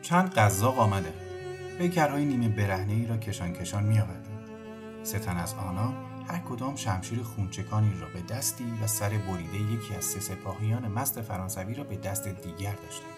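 A man calmly narrating a bedtime audiobook story. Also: fairly low pitch. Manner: calm, measured narration. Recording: faint music behind.

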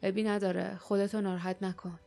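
A woman narrator voicing a cunning, scornful male fighter who speaks quietly with a mocking edge in a storybook reading. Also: mid-range voice, animated, creaky, slightly rough, soft background music. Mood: cold.

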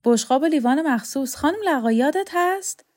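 A woman reading the part of a frail old man in an audiobook, with a raised, lively voice. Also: high-pitched, no room sound, clean studio sound, voice pushed up. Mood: wistful.

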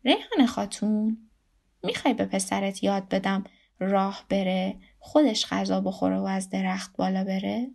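A woman's voice: mid-range voice, creaky, a little mellow. A woman voicing a sly mother cat who speaks in a coaxing way.

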